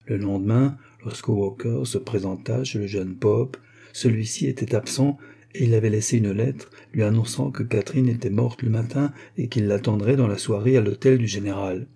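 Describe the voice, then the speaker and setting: A man narrating a classic novel in a measured storytelling voice. His tone is low and dark, with a husky grain to it. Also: fairly even intonation. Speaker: audiobook reader.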